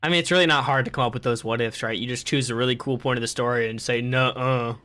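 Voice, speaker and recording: A man's voice: medium pitch, fairly even intonation, racing, bright, forceful tone. A young man hosting a gaming podcast, ranting in casual chat and swearing freely. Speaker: podcast host.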